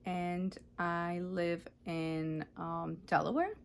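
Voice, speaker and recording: A woman's voice: lowish voice, level tone, extremely slow, creaky, a little hiss or hum. A woman in her thirties, originally from Ukraine, hosting a casual knitting vlog and chatting through her projects while often correcting herself. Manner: chatty, self-correcting, often unsure of details. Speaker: knitting podcast host. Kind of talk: casual show-and-tell vlog.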